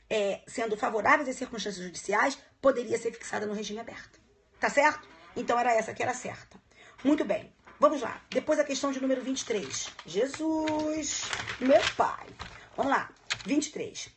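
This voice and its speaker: A woman teaching law in a casual live-streamed exam review, checking in with viewers often and chatting warmly between points. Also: a little high. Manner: chatty, warm asides to viewers, frequent "tá?" checks. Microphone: phone live stream.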